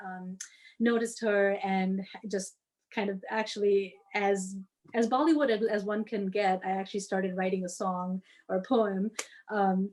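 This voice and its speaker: A woman in her forties from the D.C. area shares her story in an easy, conversational way. She hesitates often, fills gaps with "um", and picks her words carefully. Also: medium pitch. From United States, D.C. area. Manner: tentative, many fillers, warm laughs. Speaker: podcast guest sharing her story.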